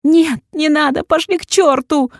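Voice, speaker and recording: A woman voicing a desperate young woman in a hospital bed who shouts, pleads and sobs. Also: a little high, moderate pace, no room sound, studio quality, voice pushed up, natural voice. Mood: screaming, sobbing.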